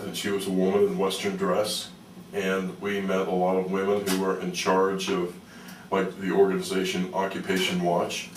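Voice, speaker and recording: A man telling stories as a radio interview guest, conversational and halting, often repeating words as he thinks. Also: low-pitched. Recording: roomy, noisy, distant-mic radio interview.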